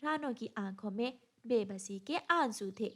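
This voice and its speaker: A woman narrating a children's cartoon story in an expressive, scripted way. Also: on the high side, measured pace.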